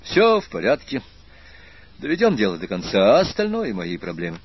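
A man voicing a gloomy, remorseful young male graduate student with a husky, low voice in an audiobook reading. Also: wildly swooping pitch, fast, lo-fi sound, slight background noise. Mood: resolute.

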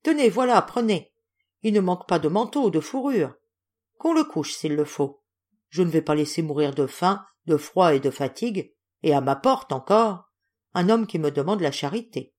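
A woman reading aloud as a gruff, hot-tempered old general, blustering and exclaiming. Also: fairly high pitch, lively intonation, normal speed, darkish tone. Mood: grumbling.

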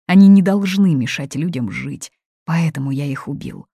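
A woman voicing a grown son who speaks quietly and ironically, worn down by his mother. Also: low-pitched, expressive, normal speed, creaky, husky, no echo, clean studio sound, heavily acted.

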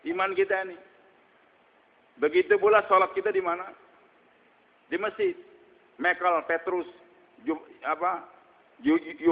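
A man delivers a sermon in a high voice, questioning his listeners and answering himself as he tells stories. His voice rings with long reverb through a large hall. The recording is dull and lo-fi. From Indonesia. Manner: storytelling, asks questions and answers them, frequent hums. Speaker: preacher.

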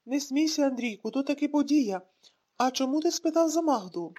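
A woman's voice: high-pitched, animated, a little fast, warm tone. A woman reading an audiobook, voicing an anxious elderly mother asking questions on the phone. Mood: worried. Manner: worried, questioning.

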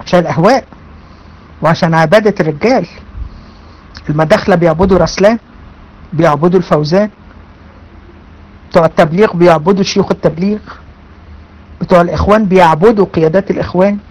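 A woman with an Egyptian Arabic accent teaches an online religion lesson, speaking emphatically, repeating her phrases, and addressing her students directly. Her voice is fairly low with a darkish tone, and she talks quickly but with long pauses. The recording is rough.

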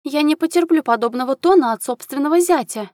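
A woman's voice: high-pitched, fairly quick, darkish tone, no room sound, studio quality, pitched above the performer's own voice, close to an everyday voice. A woman voicing a haughty noble countess and hysterical mother who screeches in outrage. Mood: shrill outrage.

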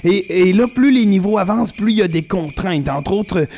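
A man's voice: sits high, animated, normal speed, darkish tone, soft background music. A man with a Québécois accent chatting on the radio about video games, explaining eagerly with frequent hesitations. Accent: Québécois French. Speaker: video game columnist. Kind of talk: casual radio chat.

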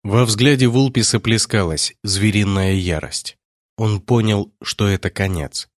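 A man narrating an audiobook in a steady, measured reading. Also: fairly low pitch, no echo, clean studio sound. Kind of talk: scripted narration.

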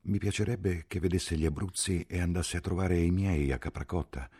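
A man voicing a gentle, soft-spoken army chaplain who talks quietly and mildly. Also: sits low, moderate pace, slightly rough, no room sound, clean studio sound, pitched above the performer's own voice.

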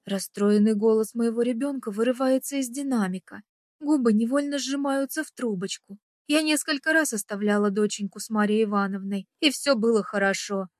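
A woman narrating a first-person audiobook in an emotional, expressive way. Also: mid-range voice, dry recording, clean studio sound.

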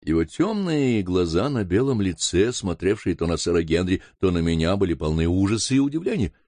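A man reading an audiobook aloud with expressive narration. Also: deep voice, a little fast, no echo, clean studio sound. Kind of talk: scripted narration.

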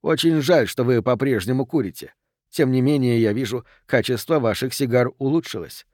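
A calm, refined male agent with a melodious Southern American accent, as a man reads him. He speaks in a polished, courteous, unhurried way. The audiobook voice sounds close and dry. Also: mid-range voice, no room sound, lightly acted. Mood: suave.

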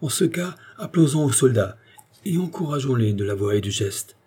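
A man's voice: medium pitch, animated, moderate pace, darkish tone, breathy edge, pitched above the performer's own voice. A man reading an audiobook, voicing a desperate, proud queen who pleads and then gives commands. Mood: desperate, imperious.

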